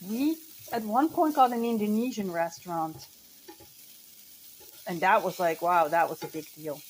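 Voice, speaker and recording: A woman from central Switzerland talks through a recipe in her home kitchen, chatty and meandering, often correcting herself mid-sentence. Her voice sits at an ordinary middle pitch. A faint hum of kitchen noise and a sizzling pan sit underneath. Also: a little slow. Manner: chatty, rambling, self-correcting. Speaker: cooking vlogger. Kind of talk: casual chat while cooking.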